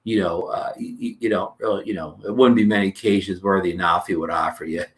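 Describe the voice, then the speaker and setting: Casual livestream host, male, lowish voice, rambling with lots of ums and restarts, greets chat by name, dry throat. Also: fairly even intonation, fairly quick. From New Jersey. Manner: rambling, many fillers and restarts, greets viewers.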